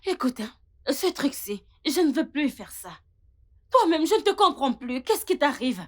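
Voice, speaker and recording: A high-voiced brazen seductress. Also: female voice, big pitch swings, normal speed. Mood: defiant. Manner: taunting, mocking laughs. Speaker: character in a dubbed film. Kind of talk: dubbed film acting.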